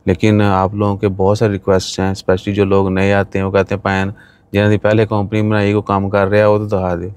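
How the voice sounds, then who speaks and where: A man's voice: on the low side, monotone, brisk, darkish tone, clean tone. A man, chatting to the camera from a parked car. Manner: chatty, gestures with his hand. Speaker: vlogger. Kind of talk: casual talk to camera. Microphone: phone on dashboard.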